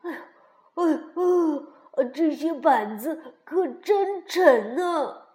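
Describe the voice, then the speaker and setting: A woman voicing a clumsy, eager young male frog in a storybook, with loud, excitable exclamations. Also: high voice, slow pace. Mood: excited.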